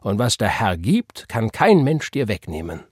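A man's voice: lowish voice, sing-song, measured pace, darkish tone, breathy edge, no echo, clean studio sound, full character voice. A man voicing an old, devout church mother who exclaims praise.

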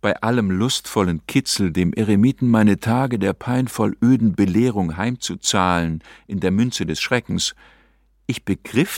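A man's voice: lowish voice, creaky, husky, dry recording, studio quality. A man reading a novel aloud in a dramatic, theatrical way. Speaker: narrator. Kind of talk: scripted audiobook narration.

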